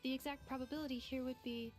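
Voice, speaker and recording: An actress voicing a precise, literal female assistant robot in a game, speaking in flat, formal, clinical phrasing. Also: sits high, quick pace, lightly acted. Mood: matter-of-fact. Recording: game audio with music behind.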